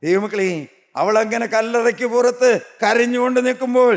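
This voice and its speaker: A man preaching a sermon with fervent, rising passion, repeating praise to God and dropping to a soft, slow hush in tender passages. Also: very high voice, fairly even intonation. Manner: impassioned, builds to near shouting, frequent interjections of praise.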